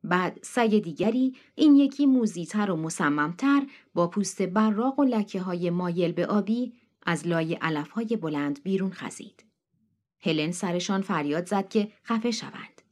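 Brief: female audiobook narrator, even, measured storytelling delivery. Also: lowish voice. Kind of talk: audiobook reading of a short story.

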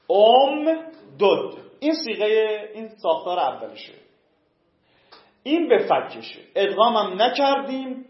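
High-voiced male teacher in an echoey room. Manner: explains step by step, asks and answers his own questions, chants word forms slowly. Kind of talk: classroom lesson. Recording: echoey room, dull lo-fi sound.

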